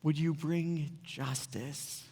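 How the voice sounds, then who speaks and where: A pastor preaching an earnest, emotional sermon that sometimes chokes up, in a church sanctuary. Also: male voice, fairly high pitch, fairly even intonation, very slow, mellow, breathy edge, big-room sound. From Canada.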